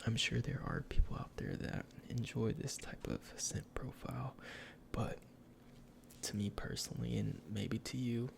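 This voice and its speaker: Man for whispered role-play, salesman part; hushed delivery, heavy vocal fry, casual explanatory patter. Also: on the low side. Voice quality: breathy whisper with gravelly creak. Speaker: ASMR performer playing a cologne salesman.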